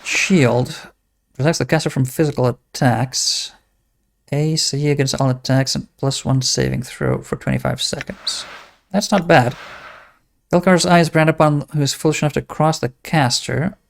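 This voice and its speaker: A man's voice: mid-range voice, moderate pace, gravelly. A man giving casual game commentary, thinking aloud and reading text from the screen. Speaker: let's-play host.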